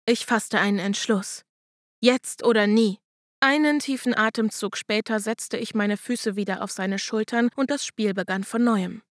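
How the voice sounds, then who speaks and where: A woman's voice: medium pitch, unhurried, no echo, studio quality. Woman narrating a first-person audiobook.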